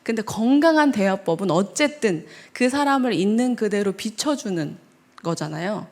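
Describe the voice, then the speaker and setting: A woman pastor giving a seminar lecture in a church hall, animated, acting out quoted dialogue and asking the audience questions. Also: mid-range voice, normal speed. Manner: animated, acts out quoted dialogue in changing voices.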